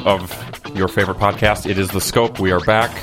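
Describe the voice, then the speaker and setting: A man's voice: low voice, fairly quick, music in the background. A man hosting a comedy podcast, chatting and teasing his guest in a playful way. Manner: playful, teasing, lively intonation. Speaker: podcast host. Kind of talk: casual comedy chat.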